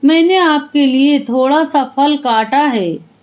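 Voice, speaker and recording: A woman voicing a humble, kindly male house servant in a spoken family drama, polite and gentle. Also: high-pitched, slow pace, lo-fi sound. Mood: caring.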